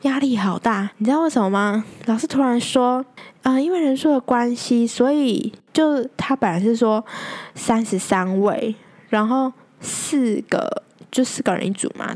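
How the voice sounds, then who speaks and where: A woman's voice: fairly high pitch, darkish tone. A young woman with a Taiwanese Mandarin accent, hosting a podcast and telling a story in a chatty, dramatic, exaggerated way. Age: young adult. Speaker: podcast host. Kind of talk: casual storytelling chat.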